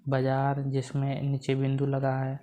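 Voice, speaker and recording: Low-voiced woman teacher quizzing her class. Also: completely flat delivery, a little slow, mellow, slight background noise. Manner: asks the class questions and answers them herself; repeats key points for memorizing. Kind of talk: exam-prep grammar lesson.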